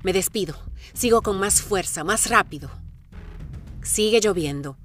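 With a mid-range voice and a slightly slow pace, a middle-aged woman recounts her marathon in the first person. Her reflective, inner-monologue narration breaks into sudden bursts of excitement, and soft music plays in the background.

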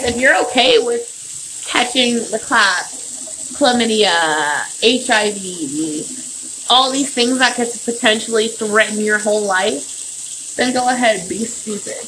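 A woman's voice: mid-range voice, bright, forceful tone. Tipsy woman rambling over running water. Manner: loose and profane, slightly tipsy. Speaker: podcast host. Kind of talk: rambling casual monologue. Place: at home near a bathtub. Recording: noisy home recording with running water.

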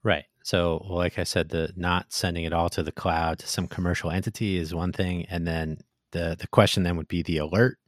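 A man's voice: deep voice, steady tone, brisk, hardly any pauses, no echo, clean studio sound. A man co-hosting a casual tech talk, thoughtful and hesitant, restarting his sentences often.

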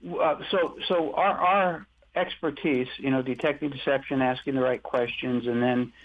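A male expert guest on an interview talk show, explaining his methods step by step and often restarting his sentences. His voice sits at a middle pitch. He comes through a thin, tinny phone line. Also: steady tone, normal speed. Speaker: guest, deception-detection expert. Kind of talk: conversational interview.

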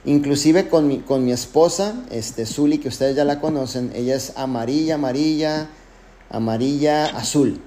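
A man's voice: a little high, moderate pace, dark tone. A man who leads a network marketing team, giving an emphatic motivational talk full of anecdotes and direct address.

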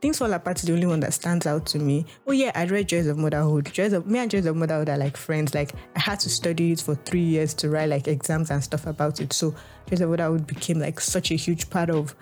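A young Nigerian woman hosts a podcast, speaking English with a Nigerian accent in a casual, reflective monologue. Her voice is low and darkish, her pace fast, with soft music playing behind her. She rambles, saying "like" constantly and restarting her sentences.

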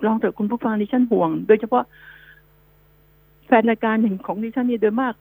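A woman's voice: on the high side, fairly even intonation, moderate pace, darkish tone, no echo, poor audio. A woman hosting a radio news show, giving chatty, rambling advice to her listeners. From Thailand. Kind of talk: casual radio talk.

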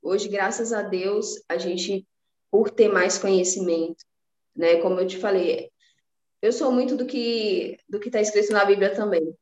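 A woman from Salvador, Bahia, speaks with a Bahian Brazilian Portuguese accent in a mid-range voice that is a little slow and a little mellow. She is a podcast guest in a casual interview, talking about personal finance in an earnest, motivating way and restarting often. The recording sounds roomy and lo-fi.

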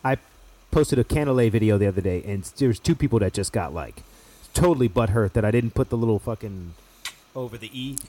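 A man's voice: on the low side, brisk, mellow. A man with an American accent chatting casually as a chef, emphatic and slangy with plenty of swearing. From United States. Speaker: chef making cooking videos. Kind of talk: casual podcast-style chat.

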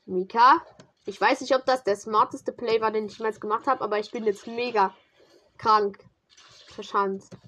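A woman's voice: a little high, steady tone, normal speed, fairly bright tone, a little hiss or hum. A young woman giving casual, slangy commentary to a teammate while playing a game. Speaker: gamer streamer.

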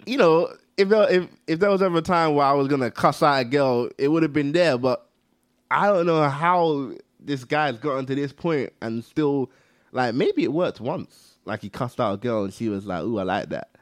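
A young man, hosting a casual chat and telling animated anecdotes. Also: on the high side, normal speed, dry recording, clean studio sound. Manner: animated storyteller, laughs through anecdotes. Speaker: podcast host.

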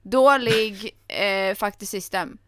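Bright, animated woman podcast host. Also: medium pitch, a little hiss or hum. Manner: animated, swears, acts out scenes with laughs. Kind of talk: casual chat about a film.

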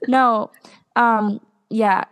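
A young woman co-hosting a casual podcast chat, talking with lots of ums and pauses. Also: on the high side, fairly even intonation, a bit bright, clear, resonant tone. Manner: chatty, hesitant with many ums. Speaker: podcast co-host.

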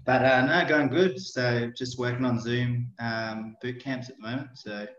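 Echoey, even-toned New man. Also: medium pitch, unhurried. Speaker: podcast guest, personal trainer. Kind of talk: casual remote interview chat. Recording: dull roomy online call audio.

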